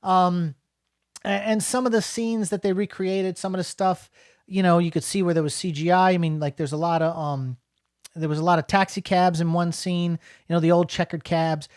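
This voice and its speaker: A man's voice: high-pitched, steady tone, moderate pace, clean tone, no room sound, clean studio sound. A middle-aged man from New Jersey giving a casual, rambling spoken film review, full of fillers and restarts.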